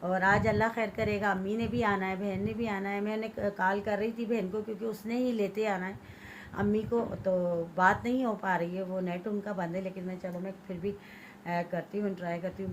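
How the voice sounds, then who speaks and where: A Pakistani woman vlogs from her home kitchen, chatting to viewers as she cleans and cuts vegetables and often telling them to look. Her voice is medium-pitched, with a little hiss or hum in the recording.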